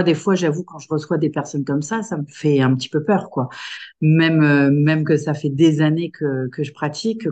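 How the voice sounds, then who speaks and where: A woman's voice: sits low, a little mellow. A woman therapist asking a question in a group session, hesitant and full of fillers as she searches for words.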